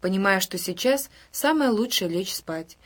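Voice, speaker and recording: A woman reads a novel aloud in a calm, even storytelling voice. Her pitch sits in the middle range. She narrates steadily, in a scripted way. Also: moderate pace. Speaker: audiobook reader.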